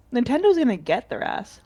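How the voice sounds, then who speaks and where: A woman's voice: a little high, dark tone. A woman co-hosting a podcast, chatting casually and laughing easily. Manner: laughs often, easygoing. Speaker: podcast co-host reviewing a TV show. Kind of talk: casual chat.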